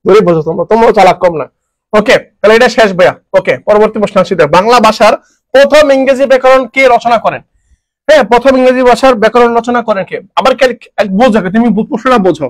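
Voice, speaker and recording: Male online grammar tutor, high quick voice, repetitive and jokey. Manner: repetitive, asks and answers his own questions; jokey, homely dialect forms. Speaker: teacher.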